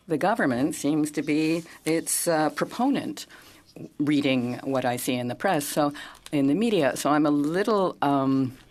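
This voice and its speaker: Steady committee interpreter voice. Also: mid-range voice. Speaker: simultaneous interpreter. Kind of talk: live interpretation of a committee member's questions. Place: parliamentary committee room.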